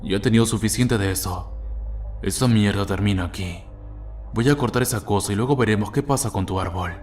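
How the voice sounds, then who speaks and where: Menacing, sneering stepfather for a horror story, very deep voice, read by a male narrator. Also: brisk, a little mellow, soft background music, close to an everyday voice. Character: cruel violent stepfather, adult man.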